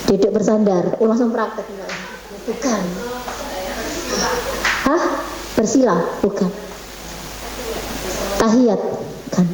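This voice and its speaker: A woman's voice: a little high, a little hiss or hum. A middle-aged woman gives an interactive religious talk to a group of women, chatty and quizzing her listeners. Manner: chatty, quizzes the audience, slips into Javanese. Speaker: religious speaker at a women's study session. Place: government office meeting room. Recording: echoey meeting room.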